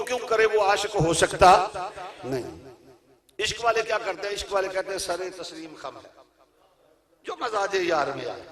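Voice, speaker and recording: A man preaching a sermon with a Pakistani Urdu accent, reciting verses and building to loud repeated refrains. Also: on the high side. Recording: roomy echo from a distance.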